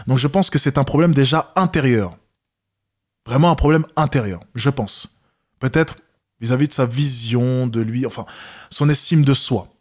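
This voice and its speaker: A man with an average-pitched voice comments on a clip he is watching. He speaks straight to his viewers in a coaching tone. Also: a little mellow. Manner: coaching tone, addressing viewers directly. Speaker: host reacting to a video. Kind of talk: reaction commentary.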